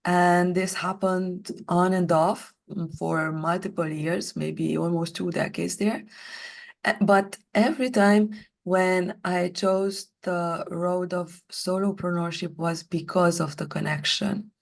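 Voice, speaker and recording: A woman guest on an interview podcast, talking slowly and deliberately through a hoarse, partly lost voice. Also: on the low side, steady tone. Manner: deliberate, slow careful delivery. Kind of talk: conversational interview.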